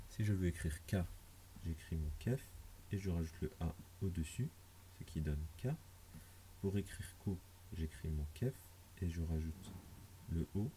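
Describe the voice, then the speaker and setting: A man with a very low, dark, mellow voice gives a beginners' lesson at an unhurried pace. He repeats each step patiently and plainly. A faint hiss sits under the recording. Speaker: Arabic teacher.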